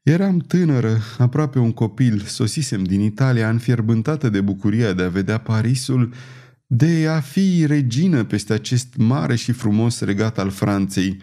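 A scheming old queen mother, bitter and grave, speaking in a slow, measured way, as a man puts her on for an audiobook. The tone is mellow and dark, and her pitch sits a little higher than the reader's own. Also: lively intonation, close to an everyday voice. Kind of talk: audiobook reading.

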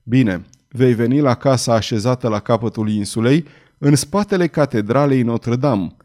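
A man voicing a stern hooded cardinal with a lowered, hoarse voice, harsh and commanding, in an audiobook reading. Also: close to an everyday voice. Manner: harsh, commanding, rising to loud outbursts. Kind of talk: audiobook character voice.

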